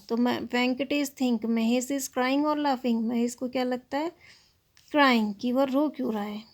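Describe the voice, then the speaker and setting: Indian lady teacher spelling english words out one letter at a time, slow and a bit high. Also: a little mellow. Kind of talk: spelling and translating an English lesson in Hindi.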